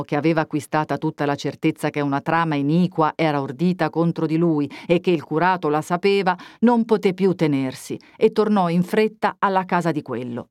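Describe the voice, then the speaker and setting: Woman audiobook narrator, lowish voice, expressive literary reading, dead dry booth sound. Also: no echo.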